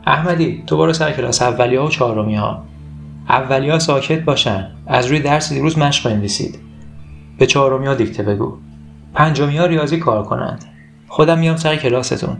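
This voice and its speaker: A man playing a brisk, gravelly village schoolteacher. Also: mid-range voice, soft background music, lightly acted. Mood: commanding. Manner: brisk commanding orders to pupils. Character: stern but caring male village schoolteacher.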